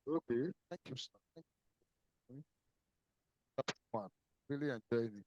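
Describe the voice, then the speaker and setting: A man asking questions as a participant on a video call. His voice sounds muffled, as if heard through a wall, and he talks haltingly and repeats himself. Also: medium pitch.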